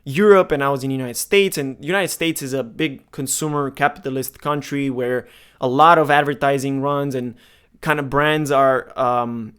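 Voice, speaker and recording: A man's voice: medium pitch, fairly bright tone, clear, resonant tone. A man in his twenties from Romania, talking candidly and emphatically to the viewer in a casual monologue. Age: 20s. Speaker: marketing vlogger. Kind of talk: casual direct-to-camera monologue.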